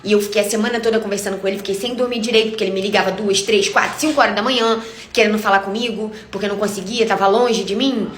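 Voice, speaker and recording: A woman's voice: mid-range voice, fairly even intonation, rapid-fire, slight background noise. A young woman with a Brazilian accent, telling a personal story in a casual vlog, angry and emphatic, often repeating herself. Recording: echoey room.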